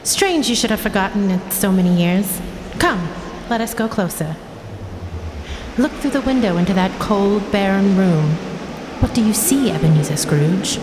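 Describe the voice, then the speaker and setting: A woman playing a solemn, commanding spirit in a radio drama, speaking in a stately, formal, deliberate way. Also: medium pitch, lively intonation, background noise, close to an everyday voice. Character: solemn, commanding female Ghost of Christmas Past. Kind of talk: theatrical radio drama acting. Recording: long cavernous reverb. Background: music.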